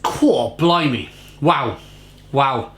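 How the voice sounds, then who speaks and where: A man's voice: medium pitch, expressive, drawn-out words, fairly bright tone. A man giving a casual, effusive beer tasting review, often repeating phrases for emphasis.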